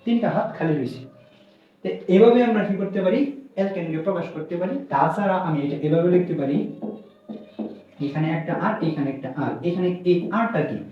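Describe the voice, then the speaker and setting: A man's voice: high-pitched, quick pace. Male chemistry teacher, mic far away, muffled lo-fi recording. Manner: asks the students questions and answers them himself. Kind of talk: recorded lecture. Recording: very echoey room, distant mic, muffled sound.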